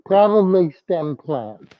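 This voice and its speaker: A man hosting a live stream, giving slow, plain, reassuring advice to callers through a muffled lapel mic. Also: lively intonation. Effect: muffled, bass-heavy sound from a clip-on mic. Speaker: host of an aquarium livestream. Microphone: clip-on lapel mic.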